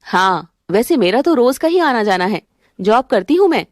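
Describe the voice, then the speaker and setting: Cartoon rickshaw-driving bride done by a woman, high voice, earnest, cheerful. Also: sing-song, normal speed, dry recording, clean studio sound. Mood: polite. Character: young daughter-in-law rickshaw driver, hardworking and proud.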